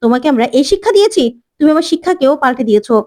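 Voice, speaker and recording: A woman's voice: high voice, expressive, racing, dark tone. A woman voicing a stern middle-aged father who rebukes in a firm way. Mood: rebuking.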